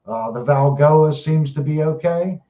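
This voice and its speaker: A man's voice: a little high, a little slow. Worn-out man chatting on a live stream. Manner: rambling, repeats words while talking to chat. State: tired, worn-out voice after hours live. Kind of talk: casual live stream chat. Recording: roomy, dull lo-fi sound.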